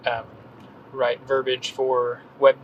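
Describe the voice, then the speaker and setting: Slow and monotone, a mid-range-voiced podcast guest from North Carolina, in his thirties, rambles hesitantly through a casual interview, full of ums and restarts. The lo-fi audio carries slight hiss or hum.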